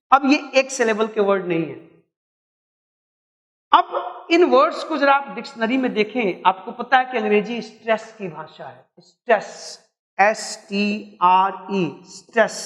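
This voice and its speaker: A man teaching a grammar lesson with a fairly high voice, moving at an unhurried pace. He spells words out letter by letter and poses questions he then answers himself. His voice rings with a long reverb, as in a hall. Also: a bit bright. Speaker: English teacher.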